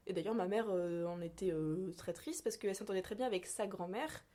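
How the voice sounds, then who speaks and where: A young woman from France chats in a relaxed, unscripted way. She hesitates often, trails off and fills pauses while hunting for the right words. Her voice sits at an ordinary middle pitch. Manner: hesitant, searching for words, many fillers. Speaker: podcast guest. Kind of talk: casual conversation.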